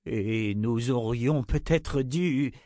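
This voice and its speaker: A man's voice: medium pitch, extremely slow, dark tone, no echo, clean studio sound. A man voicing a timid, pot-bellied chancellor who speaks hesitantly in a raised, flustered voice.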